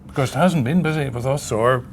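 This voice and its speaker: A man's voice: medium pitch, fairly quick, a little hiss or hum. A man chatting casually in an interview, often repeating and rephrasing himself as he answers. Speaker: president of a national radio society. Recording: faint room ambience behind.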